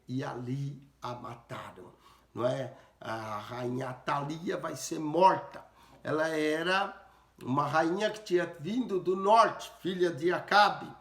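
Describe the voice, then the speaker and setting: A man's voice: fairly high pitch, a bit bright. A man, a pastor teaching through a Bible passage, explaining and repeating phrases and often tagging on short questions. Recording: roomy echo.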